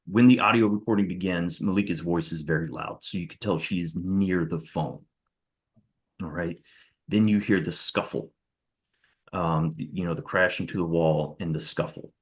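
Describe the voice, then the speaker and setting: Deep voiced guy on the witness stand, careful step by step account, low steady tone. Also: moderate pace. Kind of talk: courtroom testimony. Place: courtroom.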